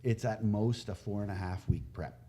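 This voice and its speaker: A man's voice: on the low side, fairly even intonation, moderate pace, warm tone, slight background noise. A middle-aged man guest on a casual podcast, telling rambling anecdotes about community theatre and trailing off with chuckles.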